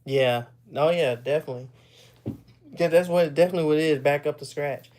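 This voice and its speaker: A man from Texas chatting casually with viewers. He is short of breath, rambles loosely, often clears his throat, and pauses to catch his breath. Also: a little high, a little mellow, a little hiss or hum. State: short of breath, stops for air. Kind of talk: casual chat.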